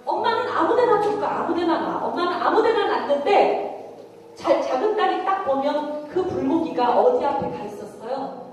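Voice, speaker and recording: A woman's voice: high voice, moderate pace. Woman missionary preaching in a big hall, long reverb, faint music behind. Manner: animated, questioning the audience. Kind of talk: storytelling sermon. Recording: echoey hall, distant mic, faint music.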